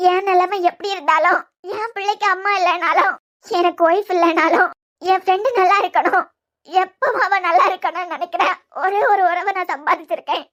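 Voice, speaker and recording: A woman voicing a quick-witted young wife in a cartoon web series, with a Kanyakumari Tamil accent and sharp, bickering retorts. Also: very high-pitched, dull audio.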